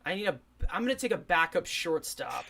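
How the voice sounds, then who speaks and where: A man's voice: high voice, sing-song, a little fast, gravelly, pushed and bright. A man in a casual fantasy draft stream, teasing the others and swearing freely. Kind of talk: casual group chat.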